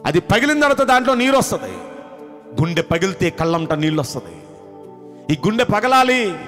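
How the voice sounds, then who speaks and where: A man preaching a sermon as pastor, impassioned and emphatic, swinging between loud outbursts and hushed lines and repeating phrases. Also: high voice. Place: live online church service.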